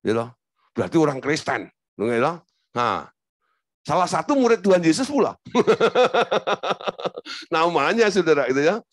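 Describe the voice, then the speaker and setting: Casting: male pastor, animated and swooping pitch, storytelling sermon, dry close sound. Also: a little slow, pauses often, dry recording. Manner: storytelling, acts out quotes, asks rhetorical questions.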